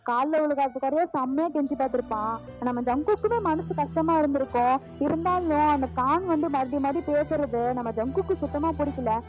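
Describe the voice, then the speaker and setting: Woman, casual fan story narration, chatty, very high voice, music behind. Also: fairly quick, a little mellow, lo-fi sound. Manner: chatty, addresses listeners familiarly.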